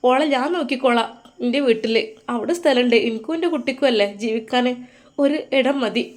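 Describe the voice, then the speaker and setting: A woman's voice: a little high, brisk, natural voice. Woman voicing a tearful protective mother. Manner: tearful, pleading.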